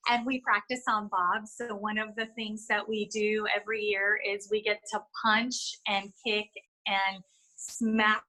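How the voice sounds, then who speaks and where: A woman's voice: medium pitch, pushed and bright, rough recording. A woman giving interview answers as a flight attendant, explaining things in a chatty way with examples.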